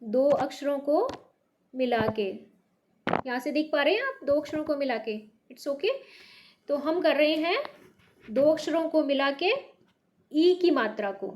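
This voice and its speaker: A woman's voice: sits high, expressive, a little slow, long pauses, a little mellow, slight background noise. A woman from North India teaching Hindi to beginners, patiently repeating words with stress. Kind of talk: slow beginner language lesson.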